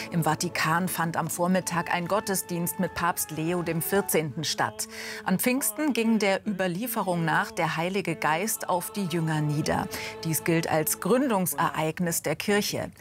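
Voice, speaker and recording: A woman anchoring a news bulletin, reading in a measured, formal way. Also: lowish voice.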